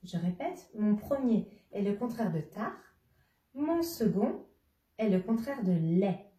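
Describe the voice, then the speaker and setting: A woman teacher with a mellow, mid-range voice and lively intonation speaks slowly and patiently to a young child, setting riddles and repeating each clue. The recording sounds roomy, with a somewhat distant mic.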